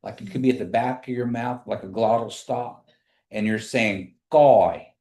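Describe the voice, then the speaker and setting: A man's voice: medium pitch, fairly even intonation, moderate pace. A man teaching a language class in a casual, conversational way. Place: indoor classroom. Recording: echoey room.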